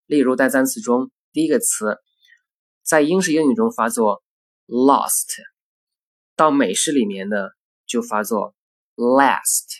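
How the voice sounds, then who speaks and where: A man's voice: medium pitch, breathy edge. A man teaching a pronunciation lesson, explaining mouth positions step by step and saying each example word twice.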